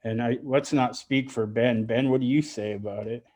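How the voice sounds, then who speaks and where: A middle-aged man from Alaska speaking with heartfelt emotion on a panel, halting often and restarting his sentences. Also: medium pitch, fairly even intonation, darkish tone. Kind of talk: heartfelt personal remarks on a panel.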